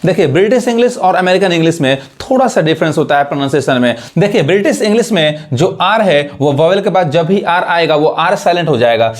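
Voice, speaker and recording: A man's voice: fairly high pitch, animated. Male teacher. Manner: repeats example words slowly, asks learners if they follow. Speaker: English teacher. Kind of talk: classroom lesson.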